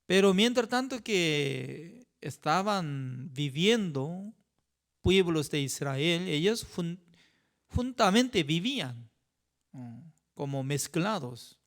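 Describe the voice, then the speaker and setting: A male pastor leading a Bible study, talking in a halting way with non-native phrasing and frequent rhetorical asides. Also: on the high side, lively intonation.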